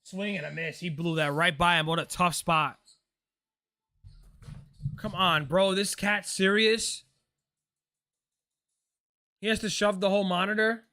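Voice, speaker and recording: His high voice comes unhurried, broken by long pauses, as he hosts a laid-back live stream. The man, in his late twenties, reacts to a ball game, fields chat questions, and says "bro" in relaxed conversation.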